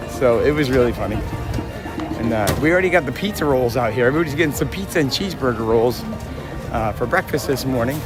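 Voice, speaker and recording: A man with a raspy, hoarse voice chatting casually as he hosts a walking livestream outdoors. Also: mid-range voice, animated, fairly quick. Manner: chatty, addressing viewers and passersby. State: hoarse from yelling at a concert. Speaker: live stream host. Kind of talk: casual walk-and-talk livestream. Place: outdoors in a busy theme park. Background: music, outdoor park and vehicle sounds.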